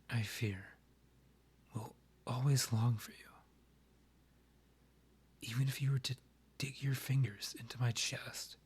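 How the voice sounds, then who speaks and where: Here the same proud, guarded vampire king of a romantic ASMR roleplay is played by a man whose breathy, near-whispered delivery stays formal, courtly and halting. The voice is mid-range with a darkish tone, and the feeling is tender and aching.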